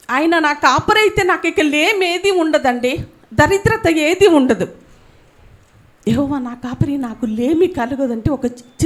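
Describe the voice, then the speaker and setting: A woman preaching a sermon, swinging between loud, high emphasis and soft, slow scripture reading, and telling a family story with acted dialogue.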